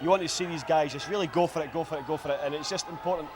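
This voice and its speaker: A man's voice: on the high side, very fast. A man with a broad Scottish accent giving live American football commentary in a chatty, explanatory way. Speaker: sports commentator, former player.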